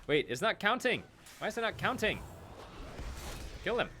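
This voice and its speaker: Lively, playful man streaming a game. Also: high voice, normal speed, slight background noise. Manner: playful, laughs at his own jokes, talks to his pet. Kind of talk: casual live-stream chat while gaming. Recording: faint game music behind. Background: game music.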